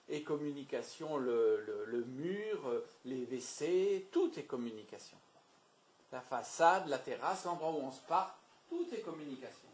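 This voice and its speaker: Un homme formateur qui anime une séance sur la communication devant un public, en parlant de façon animée et insistante, avec des mots répétés. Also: male voice, medium pitch, roomy sound, a little hiss or hum. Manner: lively, repeats words, emphatic. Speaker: trainer. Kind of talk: communication training talk. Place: meeting room with audience.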